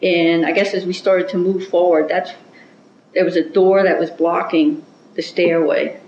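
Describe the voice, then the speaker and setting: A woman giving an oral history interview, recounting events in a measured, reflective way with small restarts. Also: lowish voice, little pitch movement, a little mellow, slight background noise. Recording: roomy, dull-sounding recording.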